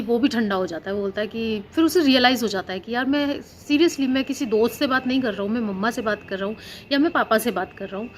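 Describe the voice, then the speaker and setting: A woman's voice: high-pitched, slight background noise. A woman in her thirties, a housewife and teacher, talking earnestly in a casual parenting vlog, often repeating herself and slipping English words into her talk. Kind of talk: casual chat about parenting.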